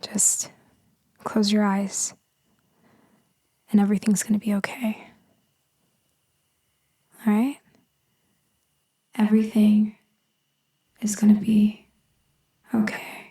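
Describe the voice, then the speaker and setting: In this intimate ASMR roleplay, a woman voices a kind female vampire soothing the person she saved, her medium-pitched, monotone delivery soft, breathy, and frequently whispered. She sounds anxious yet soothing, tender and slow with hesitant pauses, in a heavily acted performance. The recording is clean studio sound with no echo.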